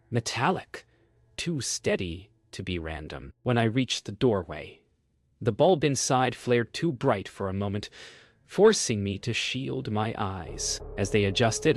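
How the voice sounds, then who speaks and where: A man reads a scripted first-person horror story as narrator, with measured, deliberate phrasing. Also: on the low side, dry recording.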